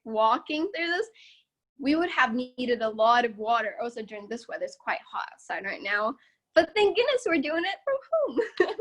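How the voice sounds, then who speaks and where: A young woman who is student body president narrates a casual slide tour of campus from home. Her high-pitched voice is loud, her delivery chatty and upbeat, and she laughs often between points.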